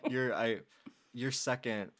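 A woman's voice: extremely low pitch, steady tone, crowd noise. A woman co-hosting a comedy podcast, riffing jokes in casual chat and laughing often. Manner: joking, quick riffs, frequent laughter. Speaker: podcast co-host.

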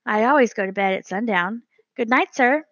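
A woman's voice: fairly high pitch, moderate pace, a bit bright, no room sound, lo-fi sound. A woman voicing a tiny, polite female songbird with a sore throat, prim and gracious.

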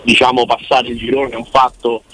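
A man's voice: medium pitch, little pitch movement, a little fast, a bit bright, rough recording. A man giving casual on-air sports analysis in a discursive, opinionated way. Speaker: sports commentator.

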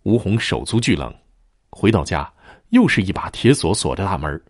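A man tells a ghost story with dramatic flair, his pitch swinging widely. The voice is low and husky, and the recording is dry and close. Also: normal speed, dry recording. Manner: dramatic, expressive.

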